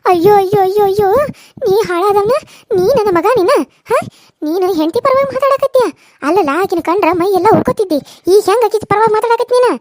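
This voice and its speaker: A squeaky, high cartoon mother-in-law from a village household scolds in quick bursts with a lilt, as a woman voices her. Her delivery is loud and fast and sounds dry and close. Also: expressive, no echo. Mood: scolding. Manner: loud, scolding, rapid-fire nagging. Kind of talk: cartoon serial voice acting.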